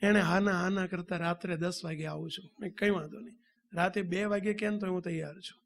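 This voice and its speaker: A man with a high voice and a Gujarati accent delivers a sermon to devotees. He tells a story and acts out the lines of the people in it, calling out to his listeners as he goes. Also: steady tone, fairly quick, creaky. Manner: addresses devotees, acts out dialogue. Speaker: swami preacher.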